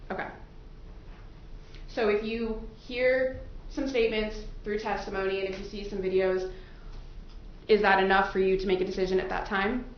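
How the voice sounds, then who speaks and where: In an echoing, muffled and noisy courtroom recording, a female defense attorney speaks into a microphone while questioning prospective jurors. Her mid-range voice moves at normal speed with fairly even intonation, and her style is casual and explanatory.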